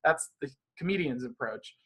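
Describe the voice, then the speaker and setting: A man's voice: medium pitch, animated, normal speed, slightly rough. A man being interviewed as a magician, talking animatedly in long, rambling runs of casual conversation. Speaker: magician guest.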